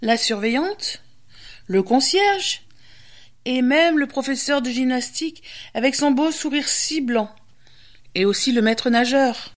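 A woman storyteller and radio host reading a children's tale aloud with lively, expressive pacing. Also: high-pitched, unhurried.

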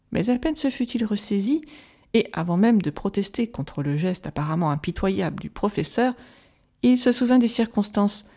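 A woman reading a gothic novel aloud as an audiobook, calm and measured, softly voicing the quoted lines. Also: mid-range voice. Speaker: audiobook reader. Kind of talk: scripted narration of a gothic novel.

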